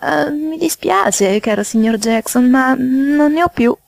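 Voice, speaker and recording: A woman voicing a fussy, tidy little mouse housewife in a storybook reading, squeaky and flustered. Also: lively intonation, moderate pace, a little mellow, no echo. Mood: fretful.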